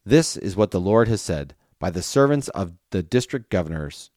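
Solemn male prophet, measured declaiming delivery, low voice, dry close sound, read by a man. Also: lively intonation, a little mellow, dry recording. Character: solemn male prophet bearing divine word.

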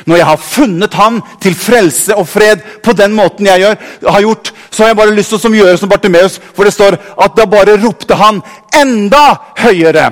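High-voiced preaching man in an echoing church. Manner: fervent preaching that builds to shouts. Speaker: pastor. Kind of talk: sermon. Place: church hall. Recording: long reverb of a church hall.

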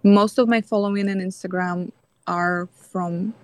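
A woman's voice: mid-range voice, steady tone, unhurried, clean tone, no room sound. Woman, dry sound. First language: Russian. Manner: earnest, slightly non-native phrasing with fillers. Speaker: guest, coach and teacher. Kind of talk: casual podcast interview.

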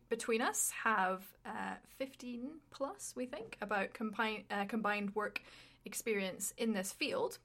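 A woman's voice: on the high side, a bit bright. A woman co-hosting a casual podcast, talking with lots of ums and uhs, asking questions and laughing often. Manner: many fillers, asks questions, laughs often. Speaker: podcast co-host.

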